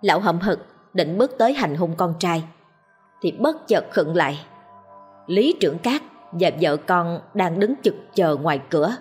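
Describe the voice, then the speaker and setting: Woman, ghost story narration, breathy, lowish voice. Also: expressive, measured pace, faint music behind.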